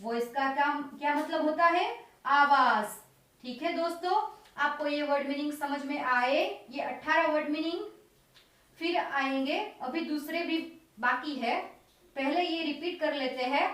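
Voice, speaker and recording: A woman teaching a children's vocabulary lesson, explaining each word slowly and repeating it. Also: sits high, fairly bright tone. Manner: slow, repetitive word-by-word explaining. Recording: very echoey room, distant mic.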